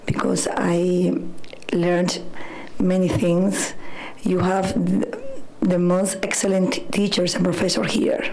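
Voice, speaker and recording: A soft-spoken woman introduces herself slowly. Her voice is low and gravelly, and she addresses the room as a teacher. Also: rough recording. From Colombia. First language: Spanish. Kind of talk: formal self-introduction.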